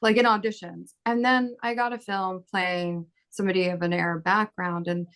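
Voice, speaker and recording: This actor on a panel, a woman in her thirties who grew up in Bahrain, has a lowish, clean-toned voice at normal speed. She talks in a lively, casual way, often laughing and performing the dialogue she quotes.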